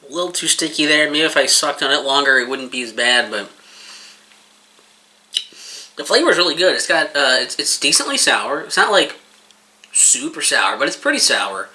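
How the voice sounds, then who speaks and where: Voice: mid-range voice, expressive, normal speed, long pauses, pushed and bright. A person giving a casual, rambling taste-test review, talking informally and swearing freely while eating.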